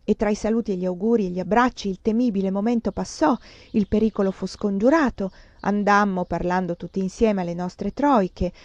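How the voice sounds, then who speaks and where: A woman reading a literary novel aloud in an expressive, dramatic manner, with a dull, muffled sound. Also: mid-range voice, dry recording. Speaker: reader.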